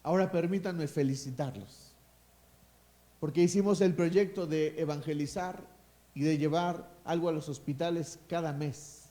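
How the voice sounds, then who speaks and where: A male pastor with a Mexican accent and a voice that sits high for a man preaches emphatically in a steady, unhurried tone. He shifts from quiet asides to loud declarations and calls on the congregation for responses.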